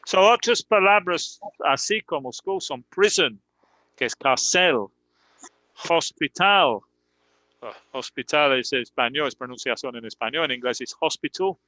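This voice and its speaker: A man teaching in on a live stream, explaining slowly and patiently with many fillers. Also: fairly high pitch, pushed and bright, no echo, rough recording. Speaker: English teacher. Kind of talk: live online English lesson in Spanish.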